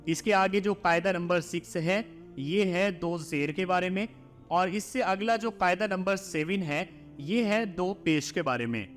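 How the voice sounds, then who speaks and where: A man teaching a Quran reading lesson, drilling letter sounds one by one in slow repeated patterns. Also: sits high, faint music behind. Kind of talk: step-by-step recitation lesson.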